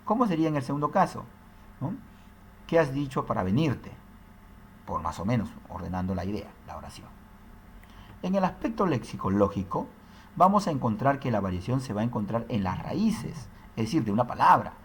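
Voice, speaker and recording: A male teacher gives an explanatory lesson, his pitch rising and falling freely as he checks in with the listener. A faint hum of background noise sits under the recording. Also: big pitch swings, a little fast. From Peru. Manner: explanatory, frequent tag questions.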